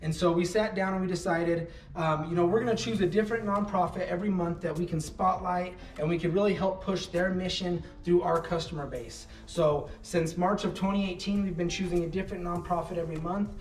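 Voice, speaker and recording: A man's voice: sits high, a little fast, hardly any pauses, recorded from a distance, slight background noise. Man leading a casual echoey shop tour. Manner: relaxed, conversational, frequent fillers. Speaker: company representative giving a shop tour. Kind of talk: walking tour narration. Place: indoor warehouse and offices. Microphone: camera following him, mic at a distance. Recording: echoey rooms, voice a bit off-mic, soft music underneath.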